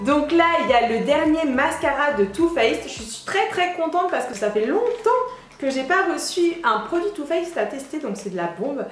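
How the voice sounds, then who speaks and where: A young woman beauty vlogger chatting excitedly through a product unboxing, with lots of hesitations. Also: high voice, normal speed. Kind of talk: casual product unboxing chat. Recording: echoey room.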